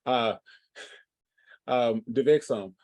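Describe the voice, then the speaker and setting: Man, game master, unhurried, hesitant with lots of fillers, dry close sound. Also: mid-range voice, a little mellow, no echo. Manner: halting, full of fillers and restarts. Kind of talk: running a livestreamed tabletop game.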